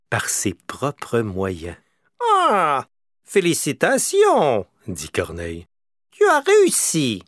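A man reading a children's story aloud, slow and expressive. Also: medium pitch, no room sound.

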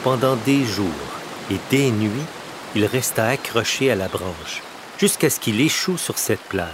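A man reading a children's story aloud, slow and expressive. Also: on the low side, noisy background.

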